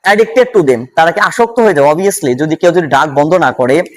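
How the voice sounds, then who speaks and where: A man with a Bangladeshi Bengali accent teaching vocabulary for exam prep, asking questions and answering them himself. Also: a little high. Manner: drills words with quick question-and-answer; louder and more animated when solving questions.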